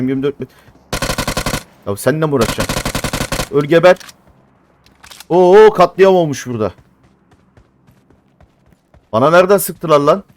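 Mobile game streamer, male, casual and grumbly, quick to blow up in frustration, mid-high voice. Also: background noise. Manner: casual, grumbling, quick to flare into exasperated outbursts. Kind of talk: live gameplay commentary.

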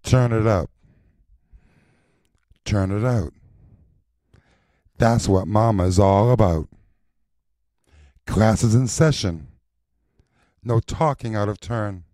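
A man's voice: fairly low pitch, slow, long pauses, dark tone, dry recording, clean studio sound. A man playing a sassy drag mother. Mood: sassy chant. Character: sassy, confident drag mother teaching a class. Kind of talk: recorded voice lines.

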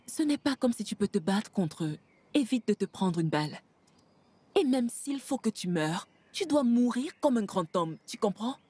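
A woman's voice: on the high side, lively intonation, normal speed, darkish tone, slightly rough, dry recording. An actress playing a gangster's concerned, sensible girlfriend in a dubbed film drama, cautioning and reasoning. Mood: firm cautioning.

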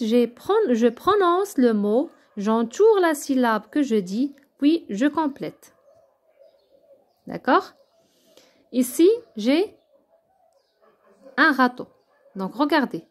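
A woman teaching young children step by step, patiently sounding out syllables one at a time and often checking that they follow. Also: high voice. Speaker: primary school teacher. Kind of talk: slow, step-by-step remote lesson for young children.

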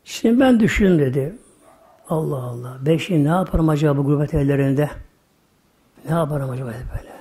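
An older man, a religious teacher, telling a sermon story in a folksy way, repeating little filler words and often dropping into hushed asides. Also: fairly high pitch, fast.

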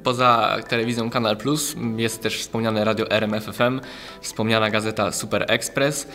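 A young man interviewing, asking steady, formal prepared questions at a desk mic in a small studio. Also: fairly low pitch, normal speed, faint music behind. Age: young adult. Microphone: desk mic on boom arm.

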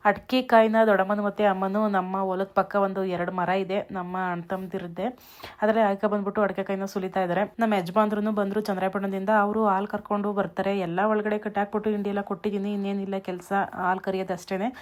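Fast-talking village woman vlogger. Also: medium pitch, level tone. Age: adult with children. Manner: chatty, running commentary on family chores. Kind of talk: casual vlog narration. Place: outdoors at a farm.

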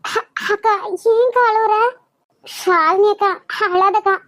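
A woman's voice: very high-pitched, steady tone, slow, fairly bright tone, no room sound, full character voice. A woman voicing a loyal younger sister comforting her sibling, with a Kanyakumari Tamil accent. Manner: pleading, comforting.

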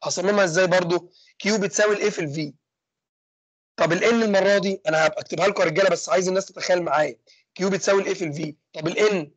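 Fast-talking Egyptian man lecturing. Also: sits high, steady tone, no echo, lo-fi sound. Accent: Egyptian Arabic. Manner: fast, asks and answers his own questions. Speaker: engineering lecturer. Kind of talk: online lecture with student questions.

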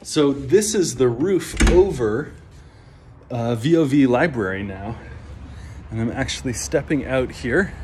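Holding his phone at arm's length, a thirty-something minister gives a casual walking tour of an old stone church, both inside and on the roof. He talks in a medium pitch, a little slowly, with a noisy background, keeping up easygoing tour-guide chatter as he walks.

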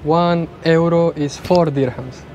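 A chatty man in his thirties from Argentina vlogs to a handheld camera, cracking jokes as he walks. His voice is a touch higher than most men's. Clear traffic and street noise surround him. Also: steady tone, slow, darkish tone. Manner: chatty, joking, talks to camera. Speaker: vlogger. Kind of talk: casual vlog chat. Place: busy city street and shop.

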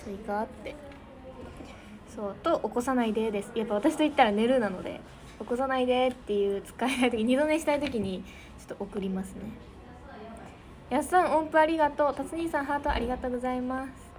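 A young woman from the idol livestream scene, speaking with a Niigata Japanese accent, talks fast in a high, darkish voice. She chats casually with fans, giggly, and thanks each viewer by name. The background is noisy.

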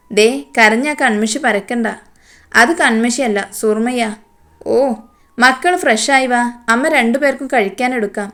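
A woman's voice: on the high side, a bit bright. Woman reading a romance story aloud. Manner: switches quickly between narration and dialogue.

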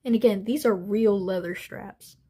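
A young woman showing off collectible figures and masks, gushing with excitement and often trailing off mid-sentence. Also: medium pitch, normal speed, slightly rough. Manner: gushing, breathless, trailing off and restarting. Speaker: toy collector vlogger. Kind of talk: excited unboxing vlog.

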